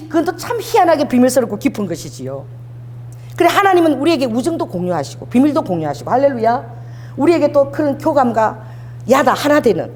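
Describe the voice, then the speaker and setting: A woman's voice: sits high, darkish tone, slight background noise. A middle-aged woman pastor preaching an emphatic sermon and having the congregation repeat lines after her.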